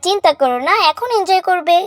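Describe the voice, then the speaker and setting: A woman's voice: extremely high pitch, lively intonation, heavy background noise. A woman vlogger narrating a doll role-play and chatting to her viewers. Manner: fast, chatty, addresses viewers as guys.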